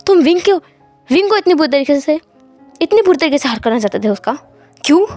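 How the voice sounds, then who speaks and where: A woman's voice: high-pitched, animated, fairly quick, warm tone, no room sound, soft background music. A woman voicing a hot-tempered, protective young man in a fanfiction story, brusque and scolding.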